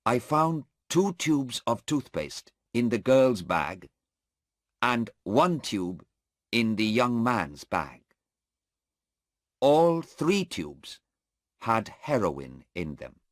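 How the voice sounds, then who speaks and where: A man's voice: medium pitch, sing-song, very slow, no room sound, clean studio sound, pitched above the performer's own voice. A man voicing a hesitant, deferential male airport policeman in a story read aloud, testifying in court. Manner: hesitant and deferential, says sir.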